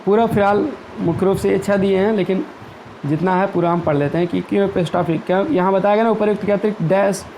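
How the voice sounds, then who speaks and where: High-voiced male teacher explaining grammar. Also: steady tone, gravelly, warm tone, slight background noise, low-quality recording. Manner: patient, explains step by step with everyday examples; reads English example sentences slowly. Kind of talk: classroom grammar lesson.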